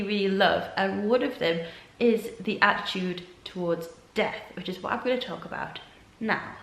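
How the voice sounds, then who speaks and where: A young woman vlogging to camera while ill, with a nasal, stuffed-up voice and a sore throat, talking earnestly at low energy. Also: a bit bright. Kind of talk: casual vlog talk to camera. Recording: echoey room.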